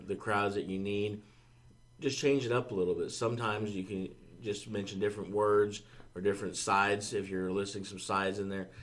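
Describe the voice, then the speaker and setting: A man co-hosting a casual business podcast, giving steady, easygoing advice with fillers. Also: lowish voice. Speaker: podcast co-host, marketing staff.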